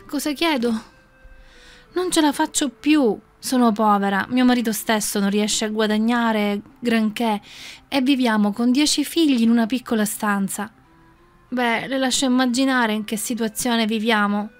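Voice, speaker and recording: Una madre povera e disperata, a cui una narratrice dà voce, con un tono acuto e implorante. Ha un'aria affannata e supplica con insistenza, e sotto si sente una musica tenue. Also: female voice, normal speed, soft background music, natural voice. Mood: desperate. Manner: high, breathless, imploring. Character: desperate poor mother of ten, pleading.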